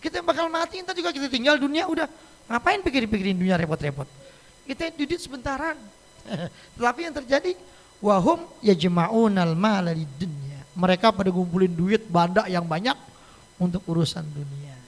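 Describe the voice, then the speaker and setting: A man's voice: very high-pitched, animated, a little fast, fairly bright tone. A man giving a casual, joking sermon as an Islamic teacher in a mosque, often laughing as he talks. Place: mosque hall. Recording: echoey mosque hall.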